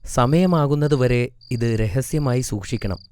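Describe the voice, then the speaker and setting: A man voicing a kind prophet who is a long-lost brother in a children's storybook, speaking gently. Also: mid-range voice, measured pace, a little hiss or hum, natural voice. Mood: tender. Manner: gentle, tender.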